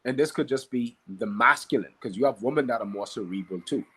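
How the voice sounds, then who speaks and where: A man from the Bahamas with a Bahamian accent and a slightly husky voice, teaching conversationally and emphatically, repeating key phrases and asking rhetorical questions. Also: mid-range voice, a little fast, fairly bright tone. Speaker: podcast guest, Qigong practitioner and teacher.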